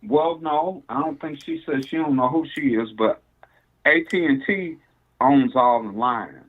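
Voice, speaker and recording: A man's voice: medium pitch, a little slow. A man who is a bishop, calling in over a cell phone speakerphone, talking in a rambling, preacherly way and quoting scripture. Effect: speakerphone on a cell phone call. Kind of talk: casual talk over the phone.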